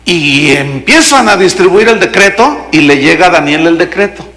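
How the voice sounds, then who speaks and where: A man's voice: a little high, lively intonation, moderate pace, pushed and bright. A man preaching a sermon, telling stories dramatically and acting out the characters. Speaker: pastor. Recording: long hall reverb.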